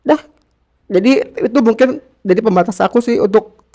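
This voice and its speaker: A man's voice: high-pitched, normal speed, mellow. A man from Jakarta talking as an interview guest, slangy and rambling, repeating his phrases as he talks with feeling. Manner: slangy informal speech. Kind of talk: casual confessional interview talk.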